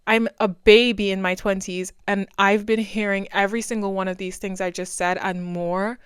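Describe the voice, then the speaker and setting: A woman's voice: medium pitch, level tone, moderate pace, clear, resonant tone, no room sound, studio quality. A woman in her twenties hosting a solo podcast, talking in a chatty, rambling, self-deprecating way. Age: 20s. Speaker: podcast host.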